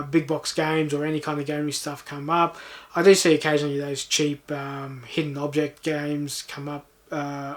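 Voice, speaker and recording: In a relaxed, unscripted chat to viewers, a man hosting a game collecting video talks in an understated manner. His voice sits a little high and sounds a bit bright.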